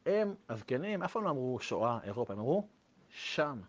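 A man telling a story to listeners in a lively, animated way, in a dull lo-fi recording. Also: medium pitch. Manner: lively, acts out voices.

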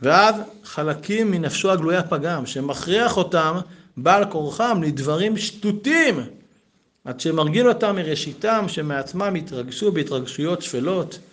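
A man in his thirties gives a Torah lesson with a voice pitched a little above most men's. He talks conversationally and animatedly, breaking into lively personal asides between passages of the text. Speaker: yeshiva teacher.

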